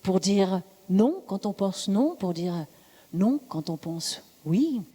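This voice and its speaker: Mock officiant, slow and solemn, builds to fervent outcries; live parody sermon in a temple hall. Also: medium pitch, sing-song, mellow. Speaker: comic officiant of a mock mass.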